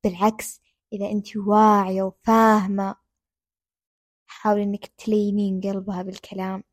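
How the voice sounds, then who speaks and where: A woman's voice: medium pitch, flat delivery, brisk, dry recording, clean studio sound. A young woman gives earnest, casual advice as the host of her own talk, repeating points for emphasis.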